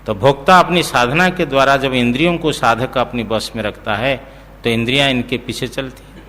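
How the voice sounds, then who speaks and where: A man as a spiritual teacher, giving a scripture discourse in a slow, explanatory way, chanting verses and checking that listeners follow. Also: mid-range voice, bright, forceful tone, big-room sound.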